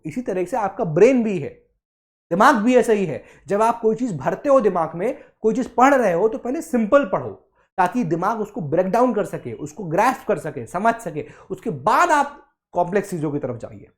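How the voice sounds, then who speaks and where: A young man teaching an exam prep lesson, talking emphatically and coaxing students, and slowing down to read English quotes aloud. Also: high-pitched. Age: young adult. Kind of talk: Hindi-English lecture.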